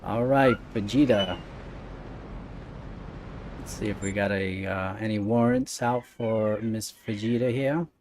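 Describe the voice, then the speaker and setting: A man's voice: on the low side, fairly even intonation, a little slow, pauses often, darkish tone, a little hiss or hum. A man giving casual let's-play commentary as the host of a gaming video, with game ambience behind him.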